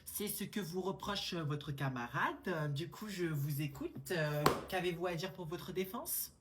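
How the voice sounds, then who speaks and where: A woman playing a stiff, formal school teacher mediating a dispute, speaking slowly and hesitantly. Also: lowish voice, lively intonation, heavy background noise.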